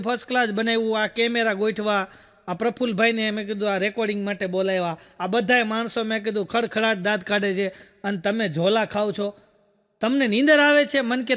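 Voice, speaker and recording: On stage before a live audience, a man with a fairly bright, high-sitting voice tells folksy jokes as a stand-up comedian. He strings his stories together with "I said" and "he said," and a long hall reverb colors the recording.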